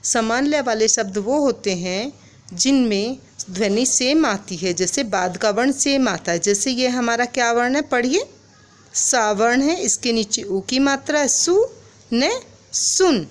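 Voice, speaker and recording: A woman's voice: fairly high pitch, lively intonation, a little slow. A woman teaching young children to spell, sounding out words syllable by syllable and asking them questions. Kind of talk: children's Hindi lesson.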